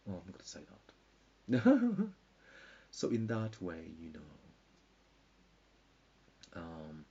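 A man's voice: deep voice, slow, mellow. A tired man, rambling through a meandering mock-lecture that sometimes sinks into whispers. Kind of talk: rambling pseudo-scientific monologue. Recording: dull lo-fi with faint hiss.

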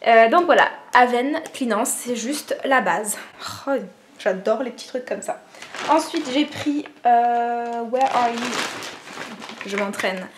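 A woman's voice: on the high side, measured pace, a little hiss or hum. Chatty young woman vlogging at home. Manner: rambling, self-mocking, many fillers. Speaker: beauty vlogger. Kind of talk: casual chatty vlog. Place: at home indoors. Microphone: camera propped on cushions.

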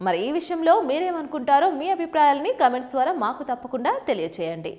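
A woman in her thirties, a news anchor, reading scripted political news in a brisk, dramatic way. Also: high-pitched, lively intonation, a little mellow, big-room sound. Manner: standing presenter, brisk dramatic delivery. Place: virtual news studio set.

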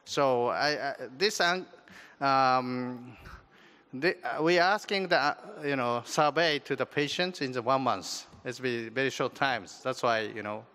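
A man at a conference podium answering panel questions, halting and repeating words. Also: mid-range voice, sharp tone, clean tone. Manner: halting, repeats words, non-native phrasing. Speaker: surgeon presenting at a symposium. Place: large conference hall stage at a podium. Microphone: podium microphone.

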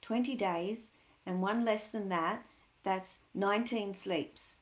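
A woman's voice: mid-range voice, slow pace. A woman in her sixties reading and chatting to young children in a sing-song, questioning way. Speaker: storyteller for children. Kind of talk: read-aloud and chat addressed to young children. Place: small indoor room at home. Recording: roomy, echoey home webcam sound.

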